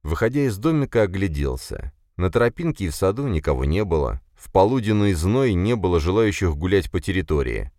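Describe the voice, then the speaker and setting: A man reads a first-person fantasy audiobook in a very low, deep voice. His delivery is steady and measured. The studio sound is close and dry, with no room echo. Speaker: audiobook narrator.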